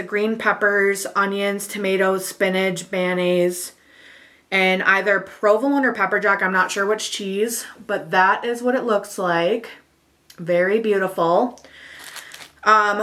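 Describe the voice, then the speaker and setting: Woman vlogger, bright clear tone, chatty and unhurried, filler-heavy home chat. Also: medium pitch. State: out of breath. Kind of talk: casual eat-with-me chat. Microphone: camera mic.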